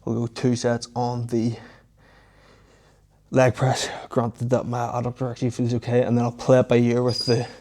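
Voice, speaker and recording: A man's voice: mid-range voice, monotone, moderate pace, mellow. A young man giving casual, matter-of-fact commentary on his training between weightlifting sets in an informal way. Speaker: fitness vlogger.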